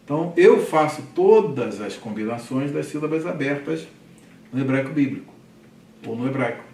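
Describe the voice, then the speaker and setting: A man's voice: mid-range voice, animated, recorded from a distance. Echoey man teaching Hebrew syllables. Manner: explains patiently, checks in with frequent "tá?" and "né?"; drills syllables aloud slowly and loudly. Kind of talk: recorded language lesson. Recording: roomy echo, voice off-mic, faint background hum.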